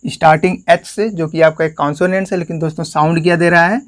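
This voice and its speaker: Man with a Hindi accent, a bit high-pitched, English grammar tutor who keeps asking and answering his own questions. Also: fairly even intonation, fast talker. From India. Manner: repeats "friends" and asks questions he answers himself. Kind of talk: explanatory classroom lesson.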